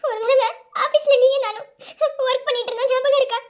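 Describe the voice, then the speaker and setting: A woman's voice: very high voice, fairly even intonation, fast talker, muffled recording. A woman voicing a flustered, teasing young woman in a cartoon, whiny and giggly, with a Madurai Tamil accent. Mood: whiny tearful. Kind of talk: cartoon voice acting.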